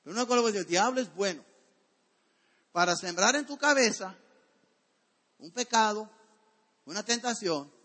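A man's voice: high-pitched, lively intonation, normal speed, pauses often, bright, forceful tone. A male pastor preaching a sermon in a church, direct and conversational, asking the congregation rhetorical questions.

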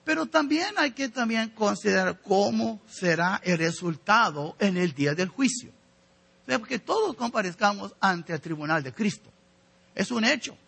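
A man's voice: sits high, animated, moderate pace, creaky, a bit bright, slightly rough. A man preaching a sermon as pastor to his congregation, earnest and exhorting, often calling his listeners brothers.

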